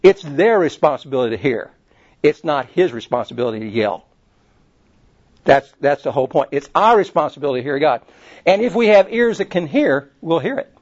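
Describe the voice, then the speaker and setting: Male pastor, fairly high voice, chatty and digressive delivery, slightly dull lo-fi recording. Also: expressive, a little fast. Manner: conversational, digressive, with frequent restarts. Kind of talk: sermon.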